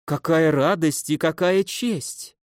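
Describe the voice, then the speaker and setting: A man voicing a timid elderly spinster who speaks slowly and eagerly, gushing with politeness. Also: a little high, dry recording, clean studio sound, voice pushed up.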